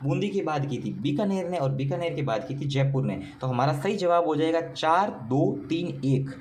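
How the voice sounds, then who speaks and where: A man teaching as an exam coach, talking quickly and firing questions at his students that he answers himself. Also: on the high side, lively intonation, a little mellow. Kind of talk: exam paper solution lesson. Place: coaching class recording.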